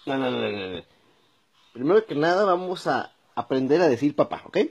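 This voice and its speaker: A man in a comedy sketch, exasperated, sliding into yelling. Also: mid-range voice, lively intonation, normal speed, husky.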